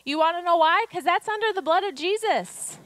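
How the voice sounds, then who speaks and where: A woman's voice: very high voice, lively intonation, brisk, a bit bright, dry recording. A woman in her thirties preaching a sermon on a church stage into a handheld mic, urging her listeners with rhetorical questions. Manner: exhortative, rhetorical questions, acts out quotes.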